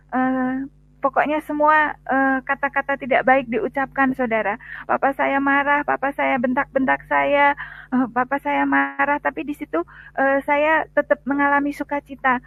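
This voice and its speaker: A young woman giving a personal faith testimony, pausing often with "eh" and repeatedly addressing her listeners. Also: sits high, vocal fry, a bit bright, poor audio. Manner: addresses listeners as "saudara" often, hesitant with frequent "eh". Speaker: testimony speaker.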